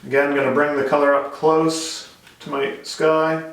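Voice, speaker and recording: A man teaching painting step by step in a gentle, informal, encouraging way. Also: fairly high pitch, little pitch movement, moderate pace. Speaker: painting instructor. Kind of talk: casual step-by-step painting tutorial. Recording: echoey room, distant microphone.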